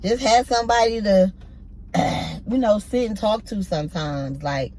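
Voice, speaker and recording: A woman in her forties vents in a relaxed, candid vlog, her talk studded with "like" and "you know". She records on her phone in a parked car at night. A faint hum of the car sits under her mid-pitched voice. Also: a little slow. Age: 40s. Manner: candid and chatty, full of "like" and "you know what I mean". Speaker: vlogger. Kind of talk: casual chat.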